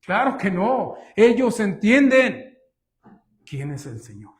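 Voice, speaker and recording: Man, pastor, sermon, high voice, emphatic, rhetorical questions. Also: sing-song, slow pace. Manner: emphatic, rhetorical questions, often says "hermanos".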